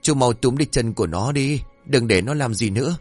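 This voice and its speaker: A man voicing a loud, excitable young male apprentice who shouts urgent commands, with faint music behind. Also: mid-range voice, brisk, slightly rough, voice pushed up. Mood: shouting.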